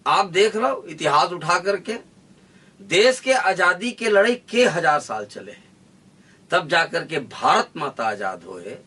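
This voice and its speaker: A man with a Chhattisgarhi accent giving a forceful interview answer, declaiming in rallying repeated lines. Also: high voice, recorded from a distance. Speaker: interviewee, activist leader. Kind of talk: fiery political speech.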